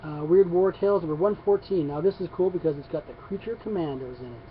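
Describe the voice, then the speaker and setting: A comic haul vlog in which a man with a slightly high voice talks quickly and casually about his purchases. He rambles, restarting and filling gaps often, and the lo-fi recording sounds dull with faint noise.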